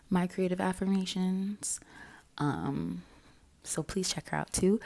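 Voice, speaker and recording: A young woman vlogging casually to her viewers, soft and halting, full of fillers, with a slightly shaky, nervous voice. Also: sits low, creaky. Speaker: YouTube creator. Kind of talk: casual talking-head vlog.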